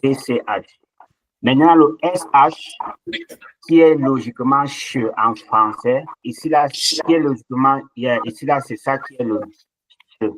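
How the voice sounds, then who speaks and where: A man's voice: mid-range voice, measured pace, a bit bright, no echo, rough recording. A man patiently explaining letter sounds in an online language lesson. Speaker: language teacher. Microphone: online session microphone.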